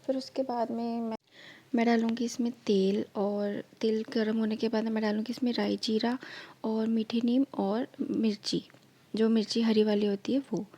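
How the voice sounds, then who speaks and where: A woman's voice: on the high side, level tone, normal speed, dark tone. A woman narrating her cooking vlog, explaining each step in a chatty way, her throat slightly sore. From India. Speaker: vlogger.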